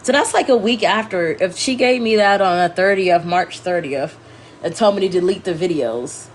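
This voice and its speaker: A woman with a lowish voice speaks at a moderate pace, sounding congested and scratchy in the throat. She hosts a casual livestream, rambling along and correcting herself as she chats with her viewers.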